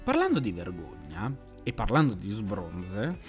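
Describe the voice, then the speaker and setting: A man's voice: fairly low pitch, unhurried, faint music behind. A man co-hosting a casual chat, telling stories in a teasing, theatrical way. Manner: teasing, theatrical, lively storyteller. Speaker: podcast co-host.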